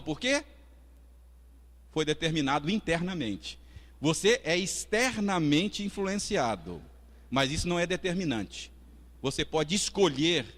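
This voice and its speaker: Preaching a conversational Sunday school sermon, this fairly high-pitched man with a Brazilian Portuguese accent chats with his congregation between points. He's lively, tossing in audience asides and acted quotes, and the church hall gives the recording a long reverb.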